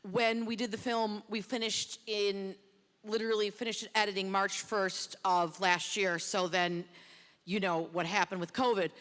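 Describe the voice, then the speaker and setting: A woman's voice: medium pitch, a bit bright. A middle-aged woman presenting an award off the cuff, rambling and chatty and poking fun at herself. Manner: rambling, chatty, self-deprecating. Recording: long reverb in a hall.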